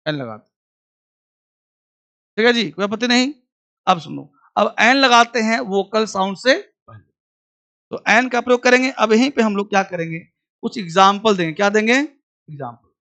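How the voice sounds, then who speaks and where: A man teaching a basic grammar class, quizzing students and slowly repeating phrases for them to write down. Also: high-pitched, expressive, bright, forceful tone. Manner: questions the class and answers himself.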